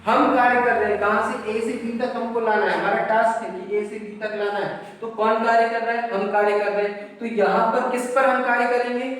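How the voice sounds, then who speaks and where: A man's voice: very high-pitched, steady tone, normal speed, few pauses, fairly bright tone. A man teaching a physics lesson, asking questions and answering them himself and repeating key terms, with English words mixed in. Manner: mixes in English words and numbers. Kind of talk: classroom physics lecture. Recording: very echoey room, voice from far off, faint noise.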